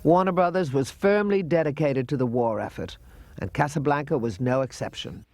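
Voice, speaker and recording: A man giving scripted documentary narration in a measured, informative way. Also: on the high side, darkish tone, faint music behind.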